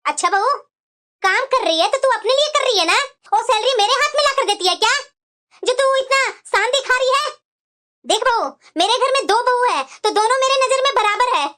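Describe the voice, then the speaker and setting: A woman's voice: very high voice, lively intonation, normal speed, pushed and bright, full character voice. A woman voicing a stern, bossy middle-aged mother-in-law in a cartoon, lecturing and scolding her daughters-in-law. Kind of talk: cartoon voice acting.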